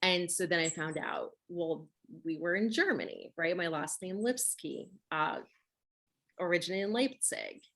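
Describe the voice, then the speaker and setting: Hosting a conversational interview, a native Russian-speaking woman makes her points emphatically and keeps asking "right?". She speaks unhurriedly in an expressive, lowish voice with a fairly bright tone.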